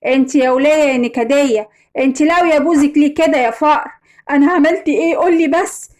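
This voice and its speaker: A woman with an Egyptian accent voicing a harsh, domineering husband who talks down to his wife in slow, heavy, contemptuous phrases. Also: sits high, darkish tone, lightly acted. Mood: angry. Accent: Egyptian Arabic. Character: harsh domineering husband, adult man, scornful.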